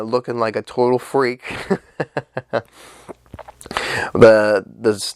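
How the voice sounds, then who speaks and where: In this studio-quality clip with no room sound, a young man speaks at a medium pitch in a smooth voice, his nose audibly blocked. It's a laid-back solo review vlog about an anime, delivered with eager chatter, casual fillers and an occasional curse.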